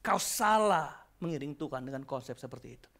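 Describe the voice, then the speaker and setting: A male pastor with an Indonesian accent preaching a sermon, telling stories in acted-out voices and moving from quiet asides to shouted calls. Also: fairly high pitch, a little fast. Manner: animated storytelling that swings from quiet asides to shouted exhortation. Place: church.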